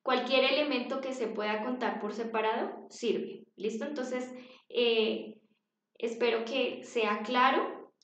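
A woman's voice: a little high, slow pace, fairly bright tone. A woman teaching an English lesson to young children, patient, repeating words for them to copy. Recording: dull, echoey home recording.

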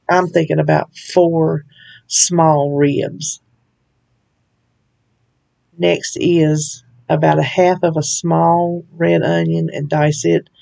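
A woman's voice: sits low, creaky, mellow. A woman hosting a home cooking video, talking through a recipe in a chatty, folksy way with frequent laughs. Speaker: cooking channel host. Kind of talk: casual recipe walkthrough.

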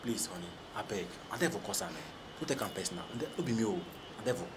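A shameless, blustering Nigerian man in a film drama. He pleads and argues in a Pidgin accent with swooping pitch, over noisy location sound. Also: animated, very fast. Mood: pleading.

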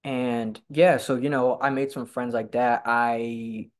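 Over a laptop webcam, a young man talks slowly and steadily in a mid-range voice, with a little hiss or hum in the audio. He's a guest in a casual video-call interview from a home room beside a staircase, stuttering and using lots of fillers and repeated words.

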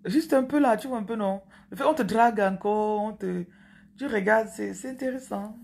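A woman's voice: mid-range voice, normal speed, creaky, darkish tone. A woman, talking playfully and chattily to her viewers as a spiritual coach. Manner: playful, chatty, teasing asides. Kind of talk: casual monologue to viewers.

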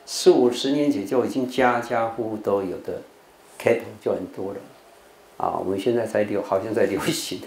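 Gravelly older monk with a Taiwanese accent. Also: male voice, on the low side, normal speed, darkish tone. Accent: Taiwanese Mandarin. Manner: leads call-and-response drills, slips into Taiwanese Hokkien. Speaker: Buddhist monk teaching English. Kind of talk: televised vocabulary lesson. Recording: roomy hall with faint background noise.

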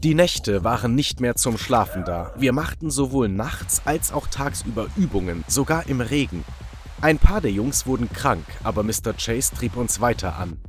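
A man reading a first-person story as scripted narration with an animated, expressive delivery. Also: mid-range voice, normal speed, a little hiss or hum.

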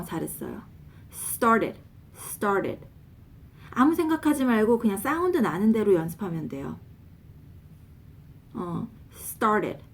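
A woman casually coaching pronunciation, drilling words slowly and spelling them out letter by letter. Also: fairly high pitch. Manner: animated, laughs often. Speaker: English pronunciation teacher, nurse.

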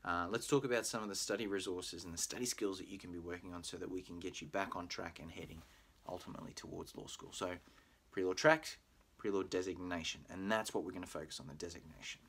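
Speaking to his webcam from an indoor home room with a bookshelf, this middle-aged Australian pre-law program manager delivers a recorded admissions talk. His low, creaky voice has a fairly bright tone, a breathy edge and fairly even intonation, and he talks fast. The manner is friendly and explanatory, full of fillers.

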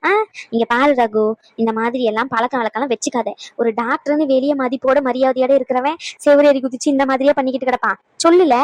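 A woman plays a sarcastic old grandmother in a cartoon. She talks fast in a high voice and scolds her grandson. The sound is dry and close. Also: steady tone, no room sound, lo-fi sound, natural voice. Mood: scolding.

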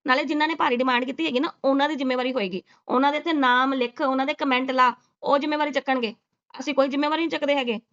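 A woman's voice: high voice, fairly even intonation, very fast, fairly bright tone, dull audio. A woman doing sarcastic reaction commentary, scolding and mocking with rhetorical questions. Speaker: reaction vlogger.

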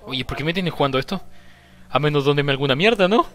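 A man's voice: on the high side, lively intonation, fast talker, fairly bright tone. A young Chilean man streaming a horror game live, nervous and swearing, repeating lines when scared. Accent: Chilean Spanish. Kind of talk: live horror gameplay commentary.

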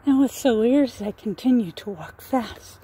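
An older woman vlogging casually while walking down a residential street, a little out of breath, chatting slowly and musing about what she sees. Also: fairly high pitch, lively intonation, dark tone, slightly rough. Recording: outdoor noise and passing cars.

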